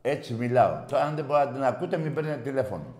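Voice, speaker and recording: A man hosting a call-in sports radio show, loud and mocking as he argues with callers. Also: mid-range voice, lively intonation, roomy sound. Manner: loud, shouting and mocking rival fans. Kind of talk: heated call-in sports banter.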